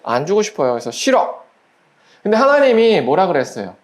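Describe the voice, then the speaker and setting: A pastor giving a children's sermon at a church service, gently asking the children quiz questions and acting out little voices in the story. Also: mid-range voice, big pitch swings, quick pace. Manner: acts out little quoted voices while storytelling.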